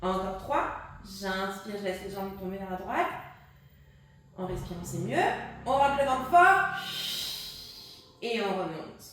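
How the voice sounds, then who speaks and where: A woman's voice: medium pitch, a little slow, pauses often, fairly bright tone, a little hiss or hum. A woman teaching a pilates class, guiding breathing and counting repetitions while she does the exercises herself. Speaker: pilates instructor. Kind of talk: guided workout instruction. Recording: echoey room, distant mic.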